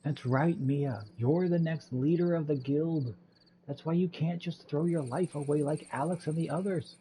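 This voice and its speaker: A man's voice: fairly high pitch, moderate pace, warm tone, a little hiss or hum, lightly acted. A man voicing a worried, pleading young male mage. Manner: pleading, fearful.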